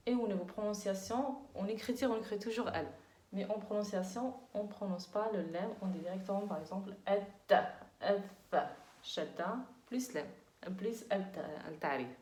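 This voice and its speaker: A woman's voice: mid-range voice, a little mellow. Patient woman teaching, echoey room. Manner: patient, repeats words slowly, checks understanding. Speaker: Arabic teacher. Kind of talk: language lesson.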